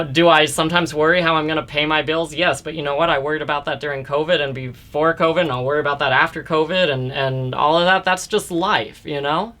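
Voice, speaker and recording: A man in his thirties, a guest actor telling stories in a casual interview, open and quick, with playful quoted asides. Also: fairly high pitch, pushed and bright. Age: 30s.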